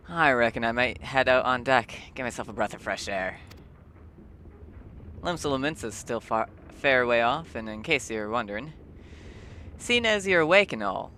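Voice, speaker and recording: A man voicing a talkative old male ship merchant, gruff and rambling. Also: medium pitch, pushed and bright, slight background noise. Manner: gruff and rambling, drops dialect words.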